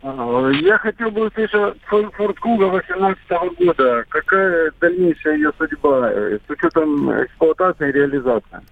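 High, gravelly man calling in by phone. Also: very animated, normal speed, few pauses. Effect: phone line call-in. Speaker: radio show caller. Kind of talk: call-in question. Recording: tinny phone line.

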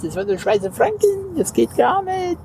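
A shrill, panicky woman behind a counter, as a man mimics her in his story, her voice jumping high. She sounds flustered and insistent. Street noise and traffic rumble behind. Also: sing-song, moderate pace, creaky, exaggerated voice. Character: panicky female hotel employee refusing Swiss money.

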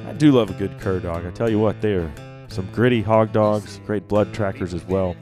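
Folksy radio host, lowish voice. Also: male voice, normal speed, darkish tone, faint music behind. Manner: folksy, plain-spoken. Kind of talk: talk radio hosting.

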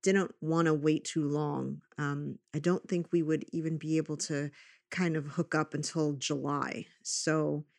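Animated woman chatting on a podcast. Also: deep voice, measured pace, gravelly, no room sound, studio quality. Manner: animated storytelling with self-quotes, swearing. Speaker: podcast host. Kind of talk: casual chat.

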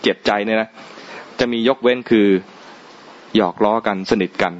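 A man's voice: fairly low pitch, fairly even intonation, moderate pace, a little hiss or hum. A man giving a conversational Buddhist dhamma talk, often asking his listeners questions and chuckling. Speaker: Buddhist monk teaching dhamma. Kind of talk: dhamma talk to a live audience. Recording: dull lo-fi recording, faint ambience.

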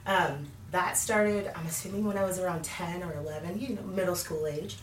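A woman's voice: on the low side, moderate pace, echoey room, distant mic, a little hiss or hum. A woman in her thirties sharing a faith testimony in an interview, candid and full of fillers. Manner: candid, many fillers, laughs often. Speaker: guest.

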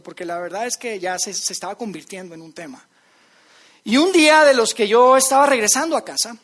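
A man's voice: sits high, a bit bright. Earnest man preaching a sermon. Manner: earnest storytelling, addresses audience directly.

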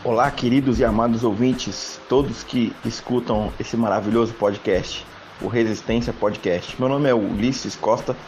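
A man's voice: mid-range voice, fairly even intonation, normal speed, darkish tone, soft background music. A man in his twenties from Brazil, enthusiastically recording a message of thanks to a podcast he listens to. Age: 20s. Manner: enthusiastic, formal greeting.

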